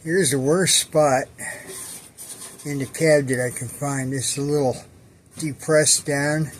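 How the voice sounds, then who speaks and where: A man chatting casually in a DIY vlog about restoring his jeep, relaxed and rambling with many pauses, out in his garage. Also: on the high side, slight background noise. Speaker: hobbyist vlogger restoring a jeep. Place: outdoor garage work area.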